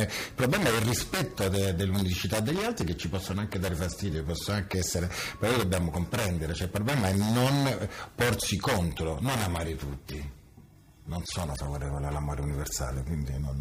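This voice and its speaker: A man photographer answering interview questions in a frank, provocative way, often searching for his words. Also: lowish voice. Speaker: photographer and creative director.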